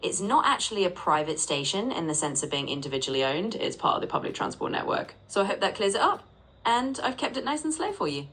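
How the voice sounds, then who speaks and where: A synthetic female voice acting as a patient English tutor, gently correcting and repeating sentences. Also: mid-range voice, sing-song, quick pace, breathy edge, rough recording. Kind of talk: conversational language tutoring.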